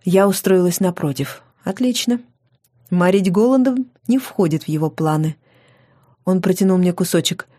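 A woman narrating a fantasy novel in the first person, in a wry, lively storytelling manner. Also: fairly low pitch, moderate pace, dry recording, studio quality. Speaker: audiobook reader.

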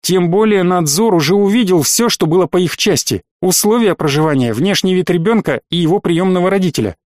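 Male audiobook narrator, measured and even, slightly high, dry close mic. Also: no echo. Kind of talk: scripted narration.

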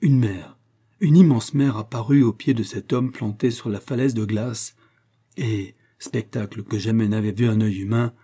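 A man reads an adventure novel aloud as an audiobook, measured and dramatic. His voice is low, dark and mellow, with a husky grain. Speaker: narrator.

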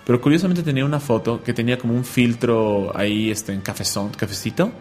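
A man hosts a casual radio show, rambling through stories in a chatty, joking way. His voice sits in an ordinary middle register. Soft music plays faintly underneath. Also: medium pitch, fairly even intonation, fast talker. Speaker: radio host.

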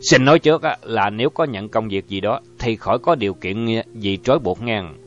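A man's voice: lowish voice, brisk, close to an everyday voice. A man reading an audiobook voices a blunt, proud doctor, raising his voice a little. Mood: firm. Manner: blunt, defensive. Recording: dull lo-fi audio, faint music.

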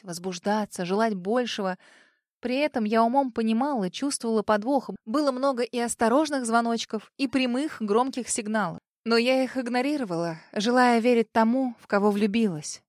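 A young adult woman narrating a dramatic story in the first person, with an emotional, expressive reading. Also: a little high, no echo, clean studio sound. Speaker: audiobook narrator.

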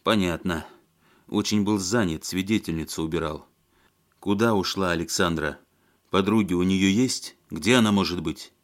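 A man's voice: low voice, moderate pace, natural voice. A man voicing a desperate, furious man. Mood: urgent, grim. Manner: intense, pressing. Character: desperate furious man searching for his love.

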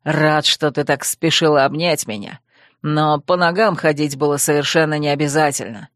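A woman's voice: fairly even intonation, normal speed, no room sound, close to an everyday voice. Woman reading as a brooding young werewolf guy, voice pushed way down and growly, heated and pleading, dry close sound. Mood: teasing. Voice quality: low growling voice. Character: passionate young male werewolf suitor, brooding. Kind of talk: audiobook character voice.

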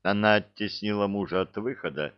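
A man reading a fairy-tale story aloud in an unhurried, expressive way, doing voices for the characters. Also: fairly low pitch, clear, resonant tone. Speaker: narrator. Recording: dull lo-fi recording.

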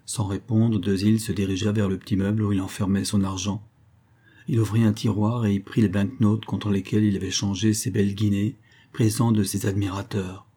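A man reading a novel aloud in steady, measured scripted narration. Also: fairly low pitch. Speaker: audiobook narrator.

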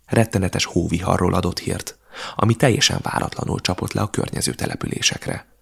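Deep gravelly man reading an audiobook. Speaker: audiobook narrator. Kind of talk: scripted narration.

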